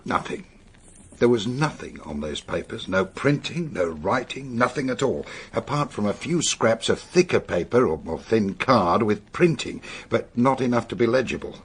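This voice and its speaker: An actor playing an earnest, harried British police inspector in a radio drama, husky, serious and blunt. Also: male voice, mid-range voice, animated, normal speed. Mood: sober reporting.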